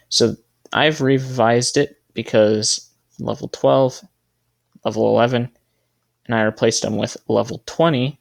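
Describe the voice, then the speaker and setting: In a mid-range voice marked by vocal fry, a gaming video creator talks casually through his gameplay. He assembles a team while musing out loud, correcting himself as he works.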